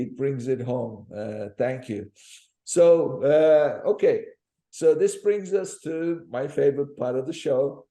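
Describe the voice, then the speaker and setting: A man's voice: fairly high pitch, warm tone. A man hosting a podcast, asking questions in an upbeat, casual way. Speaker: podcast host. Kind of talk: casual interview talk. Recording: roomy echo.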